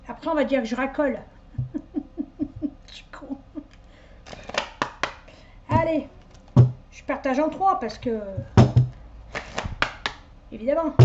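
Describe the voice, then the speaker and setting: Une femme d'âge mûr, médium, qui bavarde et digresse avec autodérision en tirant les cartes chez elle. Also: female voice, high voice, noisy background. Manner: chatty, rambling, self-mocking asides. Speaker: psychic medium doing a card reading. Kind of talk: casual chatty live reading. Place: at home, indoors. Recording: dull lo-fi home recording.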